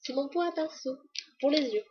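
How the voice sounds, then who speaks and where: A woman's voice: high voice, normal speed, dull audio, noisy background. A woman chatting casually to the camera in a beauty haul video, enthusiastic and full of fillers. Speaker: beauty vlogger.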